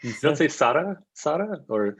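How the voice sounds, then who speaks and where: A man's voice: fairly high pitch, sing-song, normal speed, fairly bright tone, slightly rough. A chatty, playful man mentoring a team on a video call. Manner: chatty, playful, laughs easily. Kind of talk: casual video call chat. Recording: dull lo-fi call audio.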